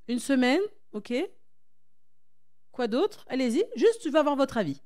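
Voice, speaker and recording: Higher-voiced woman giving a church talk. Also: very animated, a little slow, darkish tone. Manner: engages the audience with questions; exhortative, repetitive emphasis. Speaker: conference speaker and coach.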